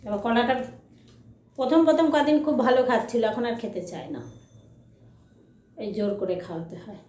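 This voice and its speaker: A woman chatting casually to her viewers at home while coaxing her dog to eat in high baby talk. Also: expressive, brisk, darkish tone, echoey room, slight background noise. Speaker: vlogger.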